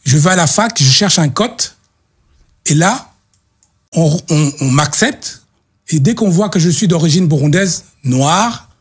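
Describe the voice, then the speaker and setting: A middle-aged man from Belgium, a guest speaking earnestly in an interview, halting and repeating words as he searches for them. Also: on the high side, expressive, slightly rough. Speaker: guest, association representative. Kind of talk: earnest testimony in a talk show interview.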